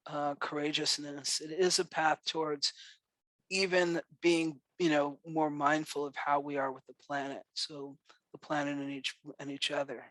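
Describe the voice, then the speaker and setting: Bright-voiced New York man teaching meditation. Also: fairly high pitch, little pitch movement, no room sound. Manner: gentle, encouraging, unhurried with pauses. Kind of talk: dharma talk to a meditation group.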